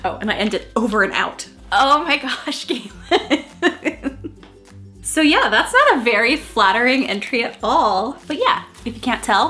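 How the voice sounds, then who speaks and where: A young woman in a casual, animated, self-mocking and giggly manner, chatting and reading aloud from an old diary. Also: medium pitch. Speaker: vlogger.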